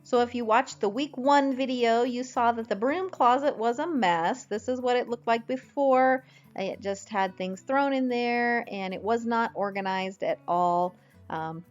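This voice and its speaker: A woman's voice: fairly high pitch, dull audio. A woman home vlogger casually narrating a makeover video in a pleased, chatty, step-by-step way. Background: background music.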